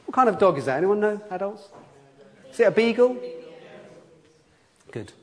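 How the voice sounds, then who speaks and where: A man leading a gentle children's talk in a church service, reading scripture and asking the children questions. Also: high voice, big pitch swings, normal speed, long reverb tail. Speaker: preacher.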